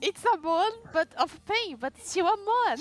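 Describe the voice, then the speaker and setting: A woman's voice: very high voice, lively intonation, normal speed. A woman hosting a casual podcast chat, giggly and playful. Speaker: podcast host.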